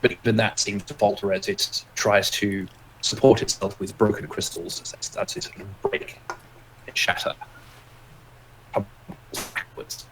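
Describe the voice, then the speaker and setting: Low-voiced man on a clipping, distorted mic. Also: unhurried, long pauses, background noise. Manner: hesitant, full of "sort of" fillers. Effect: clipping, distorted mic breaking up. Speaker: game master. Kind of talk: narrating a tabletop game online. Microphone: voice-chat mic.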